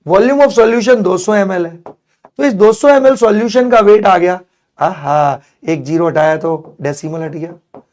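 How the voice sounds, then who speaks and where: Hoarse male tutor, slow and drawn-out, teasing and affectionate with the class; good for a strained-voice teacher read. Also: sits high, darkish tone. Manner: playful, coaxing, affectionate with students. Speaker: chemistry teacher. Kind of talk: live online exam-prep class.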